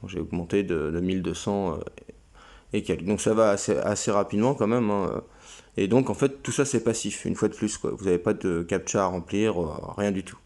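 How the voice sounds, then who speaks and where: A man's voice: low-pitched, fairly even intonation, brisk, vocal fry, a little mellow. A man, hosting his own channel, walking viewers through a website in a casual, hesitant way with many fillers. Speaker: crypto channel host. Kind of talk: casual screen-recorded walkthrough.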